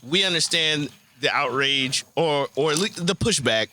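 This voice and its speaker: A man's voice: on the high side, animated, moderate pace, bright, forceful tone. A man hosting a casual podcast, joking and teasing his friends. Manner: joking, teasing, laughs a lot. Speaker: podcast host. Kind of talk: casual chat.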